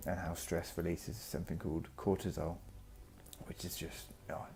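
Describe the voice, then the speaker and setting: A man giving a reflective, personal vlog monologue, speaking earnestly in short, halting phrases. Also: sits low, level tone. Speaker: vlogger. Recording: music behind the voice.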